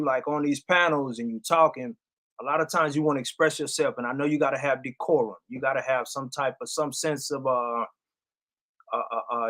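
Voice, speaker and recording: A man's voice: a little high, a bit bright. A man casually chatting as host of his own live stream from a music studio, loose and rambling, with lots of fillers.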